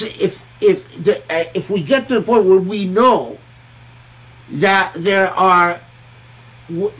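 A man with roots in Egypt and Kuwait offers a casual, scholarly commentary on scripture. He speaks thoughtfully and haltingly, frequently repeating words and pausing. His voice is high-pitched with a fairly bright tone.

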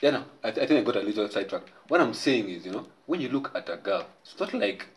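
A man's voice: mid-range voice, big pitch swings, fast talker, echoey room. A man hosting a casual group chat, talking loosely with swearing and frequent laughter. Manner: loose, profane, laughing often.

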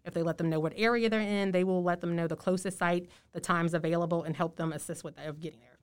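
A woman speaking through a face mask as a health official in an interview, explaining in a measured way and stressing key points. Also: on the low side, steady tone, smooth. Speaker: public health official, podcast guest. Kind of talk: informative podcast interview.

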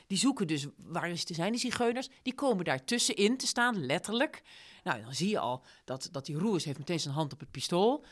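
Animated woman leading a book chat. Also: low voice. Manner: animated retelling, acts out quoted lines. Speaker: discussion leader. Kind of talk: casual book discussion.

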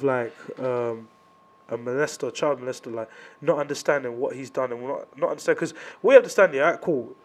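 A man's voice: a little high, darkish tone. A man with a London roadman accent debating casually in street slang, emphatic and repeating his phrases for stress.

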